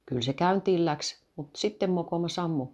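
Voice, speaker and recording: Easygoing, absent-minded biker man, read by a woman, low and dark. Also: close to an everyday voice. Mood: casual. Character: man, an easygoing vintage motorcycle rider.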